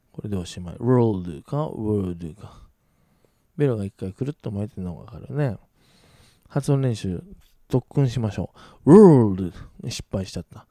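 A man teaching an English pronunciation lesson, brisk and casual, with playful asides. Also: mid-range voice, mellow, no echo, clean studio sound. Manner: brisk teacherly, slows right down to model English words clearly; casual rough-edged male speech, playful asides.

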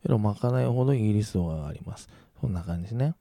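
Man, english teacher, very dark mellow voice, dry close sound, brisk casual lesson. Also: lowish voice, lively intonation, no echo. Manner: brisk teacherly, slows right down to model English words clearly; casual rough-edged male speech, playful asides. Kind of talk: recorded English pronunciation lesson.

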